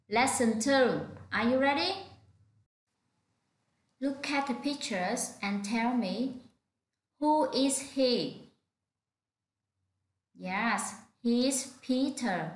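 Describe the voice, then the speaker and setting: A woman's voice: on the high side, reverberant. A woman with a Vietnamese accent teaching an online English lesson to children, patiently drilling each word. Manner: patient, clear drilling of words.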